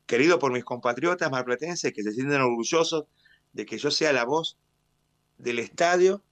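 An Argentine man from Mar del Plata, a stadium announcer, tells his stories in a radio interview with expansive pride. His voice sits at an ordinary middle pitch. The sound is dry and close. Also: moderate pace, no room sound. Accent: Argentine Spanish, Mar del Plata. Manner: animated storyteller, proud and expansive.

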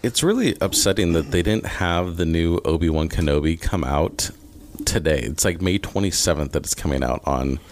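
A man with a very low, deep voice talks casually as a podcast co-host. He is recorded on a mic in a meeting room. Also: expressive, moderate pace, a little hiss or hum. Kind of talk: casual chat. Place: conference room.

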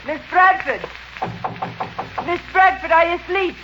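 Very high-pitched coaxing caller. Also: female voice, measured pace. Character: female caller coaxing a sleeper awake. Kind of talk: 1940s radio acting. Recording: muffled old radio with clear noise.

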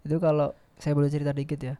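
Dude, mellow dark voice, laid back football chat. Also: male voice, a little high, very fast, clear, resonant tone. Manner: relaxed, agreeing, trails off. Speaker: podcast co-host.

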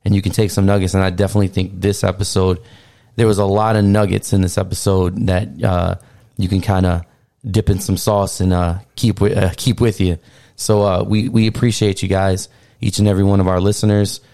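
Male podcast co-host, middle-aged, very deep pitch, casual conversational delivery. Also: level tone, a little fast, warm tone.

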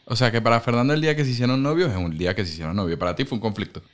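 A man hosting a podcast who asks quick, teasing questions in casual chat. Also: mid-range voice, a little hiss or hum. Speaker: podcast host.

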